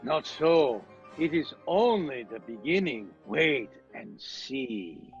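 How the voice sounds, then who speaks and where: An actor playing a grave, urgent older doctor and vampire hunter in a radio play, speaking with dramatic emphasis. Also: male voice, mid-range voice, big pitch swings, takes it slowly, highs cut off, soft background music. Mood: ominous.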